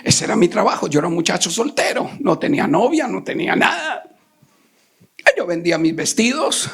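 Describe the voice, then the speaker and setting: Gravelly pastor man, shouted preaching. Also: high voice, sing-song. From Colombia. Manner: swings between shouted preaching and quick, hushed storytelling; calls out to the congregation. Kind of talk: Pentecostal sermon. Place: church sanctuary.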